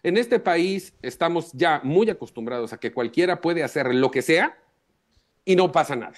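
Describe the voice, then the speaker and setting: A man, a journalist guest on a live talk show, giving measured and emphatic analysis. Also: on the high side, animated.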